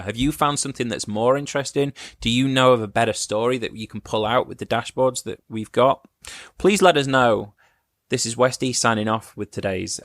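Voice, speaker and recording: A man presenting race data in a commentary segment, explaining results in a measured way. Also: medium pitch, fairly bright tone, dry recording, studio quality.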